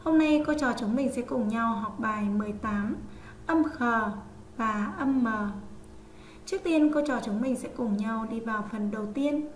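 High-voiced woman teaching young children. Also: echoey room, slight background noise. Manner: slow, drawn-out sounding out of letters. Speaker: online primary school teacher. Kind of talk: children's reading lesson.

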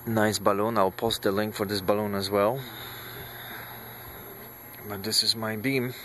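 A man filming himself on a handheld phone outdoors in a small backyard, casually showing off his gear in an unhurried way with many pauses and fillers. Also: fairly low pitch, steady tone, bright, forceful tone, slight background noise. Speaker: amateur radio hobbyist. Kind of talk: casual show-and-tell. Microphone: handheld phone camera, shaky video.

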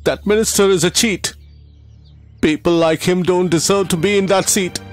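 An actor playing a grieving teacher who runs a school for poor children, speaking emotionally and apologetically in a dubbed film. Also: male voice, high voice, fairly even intonation, normal speed, soft background music, natural voice. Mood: bitter.

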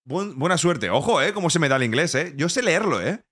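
Animated joking Spanish streamer guy. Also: fairly high pitch, a little fast. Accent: Spain. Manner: joking, mock-French and playful switches between languages. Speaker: Twitch streamer. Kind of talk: casual live-stream chat.

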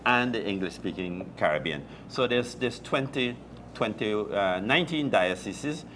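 An older man talks in a low voice, stopping and restarting his phrases with plenty of fillers. He speaks on a lapel mic in a small indoor room with a faint hum behind him. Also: animated, fairly bright tone. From Guyana. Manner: halting, many restarts and fillers. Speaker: deacon guest. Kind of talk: casual chat.

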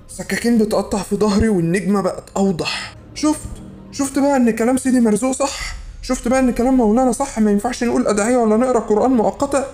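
A man's voice: high voice, dark tone. A man with an Egyptian accent telling a first-person horror story in a frantic, urgent way, repeating himself for effect. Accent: Egyptian Arabic.

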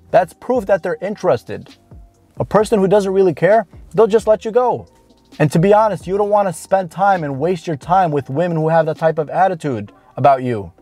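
The voice is a man's, a little high and warm, with no echo: a dating coach of about thirty giving direct-to-camera advice from a parked car. His delivery is blunt, informal and emphatic, key words stretched out, and music plays underneath.

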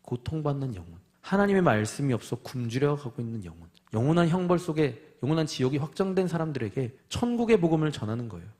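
A male preacher delivering a sermon, acting out voices in dialogue and dropping to soft, quiet endings after raised lines. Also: a little high, fast, hardly any pauses. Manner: animated, acts out God and Moses in dialogue.

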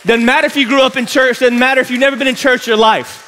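Here the pastor's voice is very high and sharp, delivered quickly in a steady tone, with a faint hiss or hum in the audio. He strides the stage of a big church auditorium, preaching with passion and emphasis.

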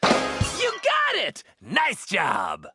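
An actor plays a cheerful cartoon star hosting a children's educational game show, using a showy, upbeat and encouraging announcer delivery. The voice sits high, with huge pitch swings, is extremely slow and raised, and is heavily acted. Music plays behind.

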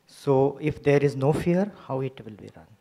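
A man with an Indian English accent asking a question from the audience in a lecture hall, halting and searching for words. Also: mid-range voice, animated, creaky, dark tone.

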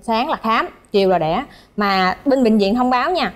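A woman telling her own story as a guest on a talk show, animated and laughing, acting out the people she quotes. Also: fairly high pitch, moderate pace. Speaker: guest wife.

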